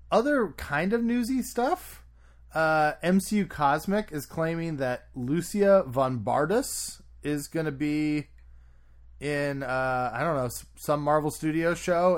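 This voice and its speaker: A man hosting a podcast, chatting casually and opinionatedly about comics news. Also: fairly high pitch. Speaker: podcast host. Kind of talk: casual chat.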